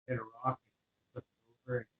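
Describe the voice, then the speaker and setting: A man, a guest in a casual interview, telling his story in a relaxed, rambling way full of fillers. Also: fairly quick, narrow, tinny audio. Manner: relaxed and rambling, with many fillers like "you know".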